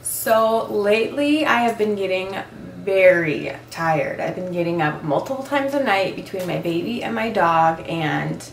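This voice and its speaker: A young woman with a cold-roughened, raspy voice, chatting playfully as she gives a makeup tutorial. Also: medium pitch, animated, a little slow, few pauses, distant mic, over music. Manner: chatty and playful, self-mocking asides. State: hoarse from a cold. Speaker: beauty vlogger. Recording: echoey room, voice a bit off-mic.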